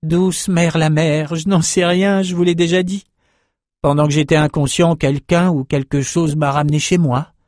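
A man's voice: a little high, steady tone, moderate pace, a little mellow, no room sound, studio quality, voice pushed up, natural voice. A man voicing an earnest young islander. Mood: eager. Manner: earnest, self-mocking storytelling. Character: young male islander telling of being lost at sea. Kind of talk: audiobook character reading.

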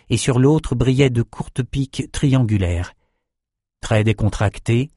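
A man reading a fantasy novel aloud in steady, measured scripted narration. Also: fairly low pitch, dry recording, studio quality. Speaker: audiobook narrator.

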